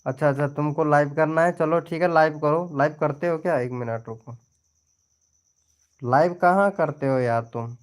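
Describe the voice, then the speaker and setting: A man's voice: fairly high pitch, moderate pace. A young man hosting a casual live stream, chatting and teasing his viewers by name as he shows them his channel.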